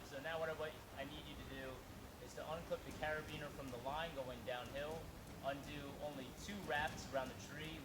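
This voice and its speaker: A man's voice: fairly high pitch, reverberant. A man giving methodical, directive step-by-step rope safety instructions to a partner, outdoors on a slope. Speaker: rope rescue instructor demonstrating a belay. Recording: very noisy outdoor field recording.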